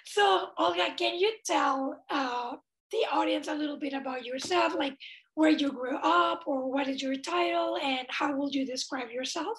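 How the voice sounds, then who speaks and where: High-voiced young woman hosting a podcast. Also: normal speed, fairly bright tone. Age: 20s. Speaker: podcast host. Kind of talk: podcast intro and interview.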